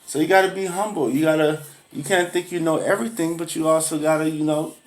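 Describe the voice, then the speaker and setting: In a comedy skit, a woman plays a patient but firm schoolteacher who drills grammar and scolds a pupil for laughing at classmates, lecturing on humility and correcting him. Her low voice moves fast with fairly even intonation, and the acting is light.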